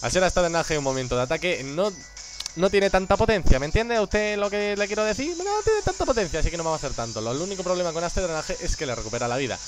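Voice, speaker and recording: A man giving casual, joking commentary on a game, excitable and prone to sudden shouts. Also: fairly high pitch, very fast, hardly any pauses, over music. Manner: excitable, joking, bursts into shouts and silly voices. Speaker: gameplay commentator.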